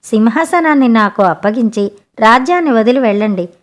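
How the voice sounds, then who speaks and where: A woman reading as a calm, cunning royal guru. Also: on the high side, brisk, natural voice. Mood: composed.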